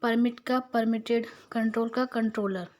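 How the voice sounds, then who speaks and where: Slow-paced Indian woman teaching grammar. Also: on the high side, fairly even intonation, a little mellow. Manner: reads English rules slowly, then explains in Hindi; frequent "theek hai" check-ins, addresses students as "beta". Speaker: school English teacher. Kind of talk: grammar lesson.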